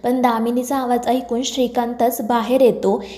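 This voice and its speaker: Woman reading out a soap episode recap, high voice, soft and dark tone, steady pace. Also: normal speed. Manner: steady read-aloud storytelling. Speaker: serial recap narrator. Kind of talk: scripted narration.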